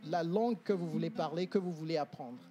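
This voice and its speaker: A man's voice: on the high side, brisk. A man, an English coach explaining confidently on a talk show, with many hesitations. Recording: TV studio with music playing behind.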